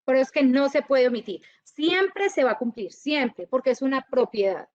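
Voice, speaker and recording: A woman teaching a university class, lively and often checking whether her students follow. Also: high voice, moderate pace, dry recording, lo-fi sound. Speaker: university lecturer. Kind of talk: classroom lecture.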